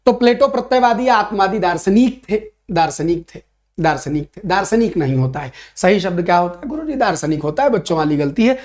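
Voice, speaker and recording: A man teaching a Hindi grammar class for an exam, lively and playful, reading out comments and answering them. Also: sits high, fast talker. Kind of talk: online exam-prep class.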